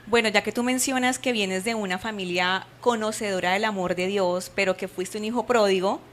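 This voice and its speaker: Woman interviewer, soft inviting questions, mid pitch, faint background hiss. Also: fairly even intonation, normal speed.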